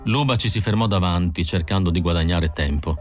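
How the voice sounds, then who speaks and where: A man narrating an audiobook in a measured, even manner. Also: low-pitched, faint music behind. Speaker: audiobook reader.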